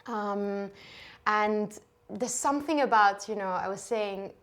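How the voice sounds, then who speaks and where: A woman in her thirties from Lebanon, a shoe designer talking softly in a relaxed interview, with many fillers and restarts. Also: mid-range voice, takes it slowly.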